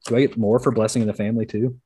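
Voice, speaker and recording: A man's voice: lowish voice, level tone, racing, mellow, slightly rough. A man playing a tabletop game, thinking aloud and hesitating as he talks. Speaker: player. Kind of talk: casual tabletop play.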